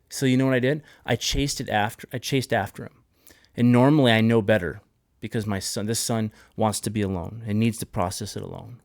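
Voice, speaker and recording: A man's voice: medium pitch, dry recording, clean studio sound. A man hosting a podcast, telling a personal story in an earnest, heartfelt way, often restarting his sentences. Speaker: podcast host. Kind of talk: casual podcast conversation.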